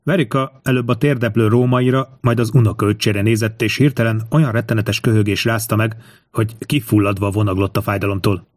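Low-voiced man narrating an audiobook. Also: no echo, studio quality. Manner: steady, even storytelling. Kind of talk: scripted narration.

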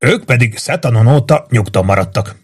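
A man voicing a confident royal prince in an audiobook, speaking in a measured, authoritative way. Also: mid-range voice, animated, slightly rough.

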